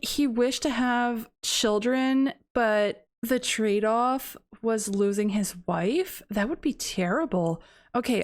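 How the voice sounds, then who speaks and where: A young woman hosting casual gameplay commentary, expressive and exclaiming, often talking straight to the game characters. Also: on the high side. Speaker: gaming channel host.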